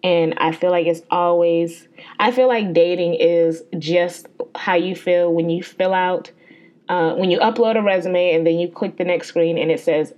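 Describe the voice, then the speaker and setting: Low-voiced woman telling a profane story. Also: a little mellow, lo-fi sound. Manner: profane, exasperated and rambling. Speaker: podcast host. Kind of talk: casual storytelling.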